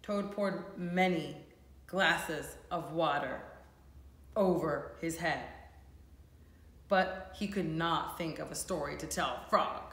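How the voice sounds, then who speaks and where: A woman reads a children's storybook aloud like a teacher, expressive and addressing young listeners directly. Her voice is low-pitched and a bit bright, slow with long pauses. A camera or phone a few feet away records her in an echoey room.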